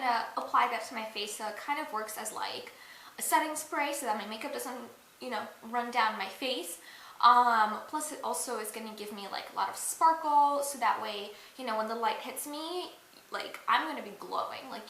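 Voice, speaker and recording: A woman's voice: on the high side, fairly bright tone. A young woman vlogging a joking makeup tutorial in a chatty, giggly way, full of fillers. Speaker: beauty and dance vlogger. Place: indoors at a mirror. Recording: echoey room with faint hiss.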